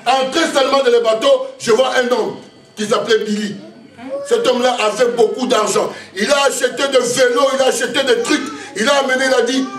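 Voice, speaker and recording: A man's voice: very high voice, fairly bright tone. A man, a pastor giving an emotional testimony sermon, telling his story with many repeated phrases. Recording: echoey room, voice from far off.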